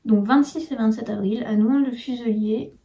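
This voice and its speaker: Woman, podcast co-host; fairly high voice, hesitant and rambling, a bit off-mic. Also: moderate pace, dark tone, recorded from a distance. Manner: hesitant, many fillers and trailing off. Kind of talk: casual chat.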